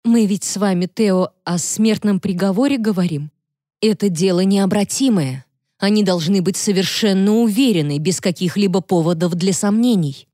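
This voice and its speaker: A woman reading the lines of a worried mother in an audiobook, quiet and pleading. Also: medium pitch, normal speed, no room sound, clean studio sound, voice pushed up, natural voice. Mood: anxious. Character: worried mother of an accused man.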